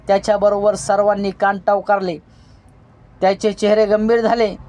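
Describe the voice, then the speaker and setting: A narrator reads a novel aloud with a measured, steady storytelling delivery. The voice sits at a middle pitch and keeps an even pace.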